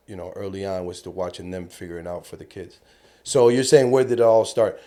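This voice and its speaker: This middle-aged Cuban actor, appearing as a podcast interview guest, chats casually and tells stories with animation, swearing freely. His male voice sits on the lower side.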